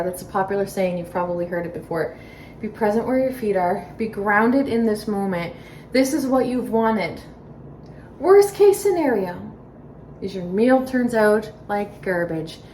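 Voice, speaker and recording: A woman's voice: fairly high pitch, darkish tone, recorded from a distance. A stay-at-home mom chatting casually to camera in her home kitchen, a dramatic talker who laughs often. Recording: echoey room, voice off-mic, faint background noise.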